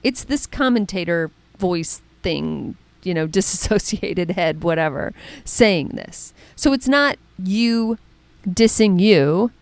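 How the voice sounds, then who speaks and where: A middle-aged woman coach giving a casual spoken lesson, chatty and animated, often checking in with "right?" and "okay?". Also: fairly low pitch, takes it slowly, no echo. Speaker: mental performance coach.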